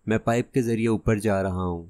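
A man's voice: lowish voice, fairly even intonation, a little mellow, no echo, close to an everyday voice. A man voicing a brave teenage boy detective in an audiobook, with wry, mocking remarks.

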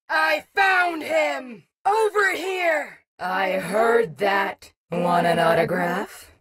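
A woman's voice: high-pitched, fairly bright tone, exaggerated voice. A woman voicing a vain, competitive animatronic wolf rock star in a video game, boastful and taunting, with a menacing and insecure edge. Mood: aggressive shouting. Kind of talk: video game character voice acting.

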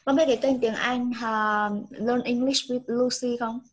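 A woman's voice: a little high, steady tone, measured pace, low-quality recording. A woman, teaching an online English lesson over a video call, patiently coaxing and repeating prompts.

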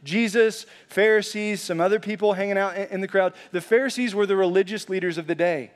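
A pastor preaching a sermon in a conversational, animated way, often saying "like" and restarting phrases. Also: male voice, sits high, brisk. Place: church sanctuary.

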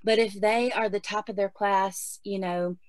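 A woman's voice: medium pitch, steady tone, unhurried, no room sound. Chatty woman with a dry sound. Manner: chatty, many fillers, laughs often. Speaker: homeschooling guest speaker. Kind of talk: casual advice talk.

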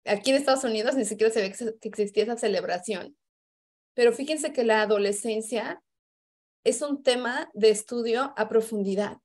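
This is a middle-aged woman with a fairly high voice. She talks as a chatty host sharing personal stories. Her speech is loose and casual, full of fillers and restarts. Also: a little fast, a little mellow. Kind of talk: casual personal testimony talk.

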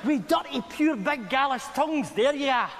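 An actor playing a scruffy, foul-mouthed Glasgow layabout on stage, with a rough street accent and argumentative manner. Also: male voice, very high-pitched, expressive, moderate pace. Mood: indignant, scornful. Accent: Glaswegian street accent. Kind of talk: live stage sitcom performance. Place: large theatre stage with audience. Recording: hall reverb, faint noise, old videotape.

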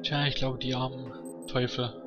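A man's voice: medium pitch, little pitch movement, moderate pace, dull audio. Man muttering casual gameplay commentary. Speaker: let's play commentator. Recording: loud game music behind voice. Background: video game music and sounds.

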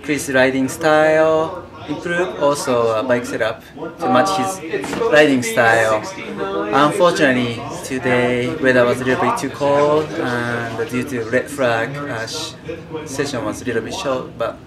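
A man's voice: medium pitch, unhurried. A man in his forties, a team engineer, giving a careful update in a race garage. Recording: loud crowd behind.

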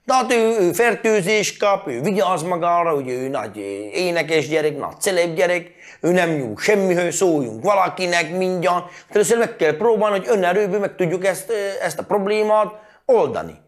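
A man's voice: high voice, expressive. A man talking to camera in a reality show confessional, mildly mocking.

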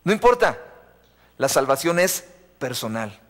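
A youth preacher delivers a live sermon to young people in a church sanctuary, hammering home refrains and putting questions to the crowd. His mid-range voice is very animated yet unhurried, with the long reverb of a church hall.

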